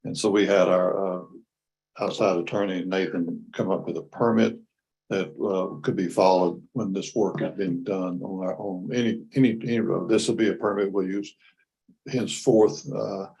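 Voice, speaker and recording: A man's voice: deep voice, steady tone, normal speed, vocal fry, darkish tone, breathy edge, lo-fi sound. A man presenting an agenda item at a county meeting, plainspoken and hesitant with frequent fillers. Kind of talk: explaining a policy at a public meeting.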